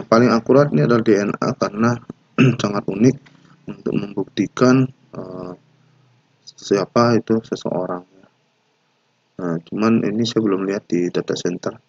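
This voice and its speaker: A man's voice: low voice, gravelly, breathy edge, no room sound, dull audio. A man lecturing to a class, explaining step by step and often adding a questioning tag. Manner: unhurried explaining with frequent "ya" tags and hesitations. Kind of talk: recorded university lecture.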